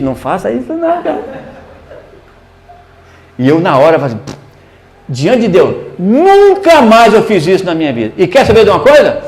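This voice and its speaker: Animated pastor preaching a sermon. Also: male voice, fairly high pitch. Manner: animated storytelling, swings between hushed and emphatic.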